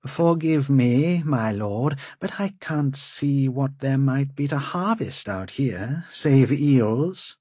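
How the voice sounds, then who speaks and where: Man doing a fawning sly sidekick, wry, raised pitch, husky, storybook. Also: measured pace, mellow, dry recording, studio quality. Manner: obsequious, wry. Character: fawning sly male companion.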